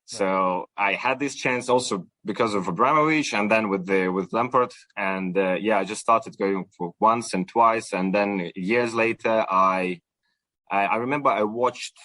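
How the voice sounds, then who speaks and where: Appearing as a supporters club guest in a casual podcast interview, a young Ukrainian man talks in a fairly low, bright voice with a forceful tone. He goes a little slowly, using lots of fillers and restarting often. The recording has no echo.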